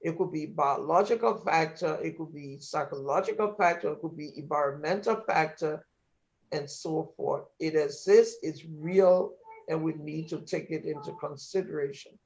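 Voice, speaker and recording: Taking part in a panel discussion, a man from Liberia talks at a normal speed in a somewhat mellow voice on the high side, with a North American accent. He is earnest and emphatic, with some restarts, and the recording is dull and lo-fi.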